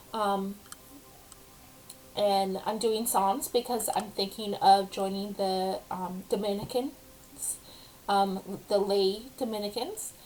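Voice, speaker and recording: A young woman with a speech impediment giving a casual personal update as a vlogger, speaking haltingly with many ums. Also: medium pitch, a little mellow, slight background noise, low-quality recording.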